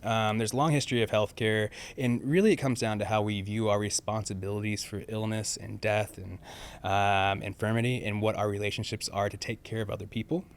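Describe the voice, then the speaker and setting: A man in his forties talks fast and emphatically as a podcast guest, explaining medicine with lots of "okay?" check-ins. His voice sits a little low. He sounds like a busy family doctor on a roll. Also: fairly even intonation. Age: 40s. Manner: emphatic, peppers speech with "okay?". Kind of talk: casual interview talk.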